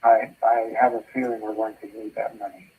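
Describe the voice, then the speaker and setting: Low, flat man's voice on a prison phone. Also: brisk, creaky. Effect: prison phone line. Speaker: caller's husband. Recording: thin phone-line sound.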